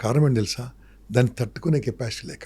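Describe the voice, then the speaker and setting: Fast-talking guy, emphatic motivational speaker, piles up questions, low mellow tone. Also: husky. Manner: emphatic, fires off rhetorical questions and lists. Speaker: public speaking trainer. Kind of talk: motivational interview talk.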